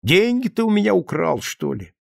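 A level-headed doctor reasons calmly and grumbles a little, as a male reader puts him on. His voice carries a gravelly texture in a close, dry recording. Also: high voice, normal speed, no room sound, pitched above the performer's own voice, exaggerated voice. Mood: reasoning. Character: sober, mildly irritated male doctor friend. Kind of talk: audiobook character reading.

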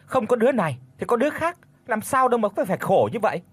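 A man's voice: extremely high pitch, sing-song, rapid-fire, a bit bright, breathy edge, dry recording, pitched above the performer's own voice, heavily acted. Sneering young female cousin, voiced by a male narrator, mocking, in a dry storybook read.

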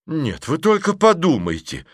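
A man's voice: lively intonation, normal speed, fairly bright tone, dry recording, studio quality. A man voicing an indignant middle-aged woman complaining in a cinema. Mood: outraged. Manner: shrill, outraged.

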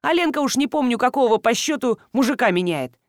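A woman reading an audiobook, voicing a hot-tempered middle-aged male farmer who talks loud, scolding and mocking. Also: fairly high pitch, expressive, fairly quick, no room sound, clean studio sound, voice pushed up, close to an everyday voice. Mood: angry. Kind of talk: audiobook dialogue.

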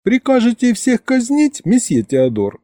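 A languid, bored lady of the court speaks in a high, lilting voice, sighing and drawing out her words, as put on by a male reader. The timbre is soft and dark, and the recording is close and dry. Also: wildly swooping pitch, a little slow, no echo, full character voice. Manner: languid, drawling sighs.

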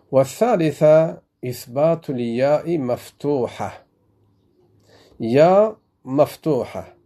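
A man's voice: medium pitch, mellow. A man from Afghanistan, a religious teacher giving a grammar lesson and repeating each example several times.

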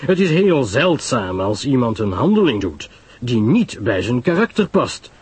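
A man doing a fussy, measured old detective. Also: mid-range voice, husky, no echo, full character voice. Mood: calm. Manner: calm, measured, faintly weary. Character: fussy, precise older foreign detective.

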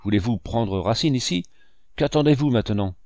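A man's voice: on the low side, normal speed, a little mellow, dry recording, studio quality, lightly acted. A man voicing a vicious blind old male pirate who snarls and barks orders at his gang. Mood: raging.

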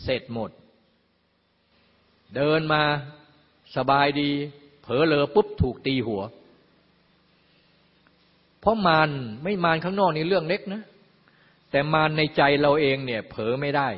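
A man's voice: a little high, slightly rough. An older man teaching a Buddhist dharma talk in a folksy way, explaining with everyday examples and asides. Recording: lo-fi, long hall reverb.

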